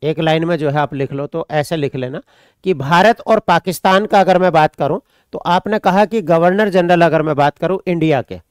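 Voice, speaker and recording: A man's voice: fairly high pitch, moderate pace, clean tone, no room sound, clean studio sound. A man from India, teaching an online exam-prep class. He repeats points, dictates notes and answers students' questions.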